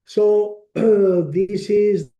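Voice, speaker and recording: A man with a strong Italian accent presenting a technical webinar, speaking haltingly with frequent pauses and restarts. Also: high voice, steady tone, dark tone, lo-fi sound. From Italy. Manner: halting, many fillers and restarts.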